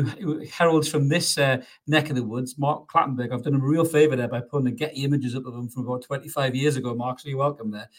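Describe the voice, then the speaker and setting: A man hosts a loose football chat, swearing freely and laughing along as he talks. His voice sits at an ordinary middle pitch for a man. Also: a bit bright. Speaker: podcast host.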